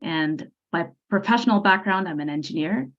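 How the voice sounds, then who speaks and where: A woman's voice: on the low side, moderate pace. A woman from India introducing herself as a panelist, speaking fluently and graciously over a video call. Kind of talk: casual talk show introduction. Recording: muffled video call audio.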